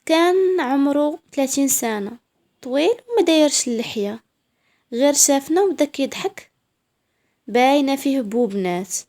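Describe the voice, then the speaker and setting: A woman's voice: high-pitched, lively intonation, normal speed, pauses often, darkish tone. A woman with a Moroccan accent narrating a first-person story in a proud, sassy way.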